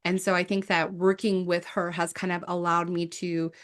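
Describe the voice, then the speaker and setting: A woman from South Korea and the United States, a Persephone devotee, appears as a guest in a reflective interview and earnestly explains her views. Her voice is on the low side with little pitch movement, at a normal speed.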